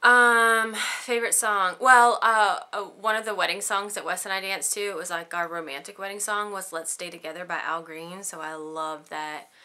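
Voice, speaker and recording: A beauty vlogger in her thirties chats her way through a list of tag questions, giggling, rambling and saying "um" a lot. Her medium-pitched voice is bright and forceful yet steady, moving at a normal speed with few pauses.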